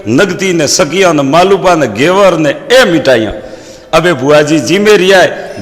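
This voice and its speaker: A man with a Rajasthani accent telling comic folk stories and proverbs as a stage comedian. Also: sits high. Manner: lively storyteller quoting proverbs. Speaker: stand-up comedian. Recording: long hall reverb.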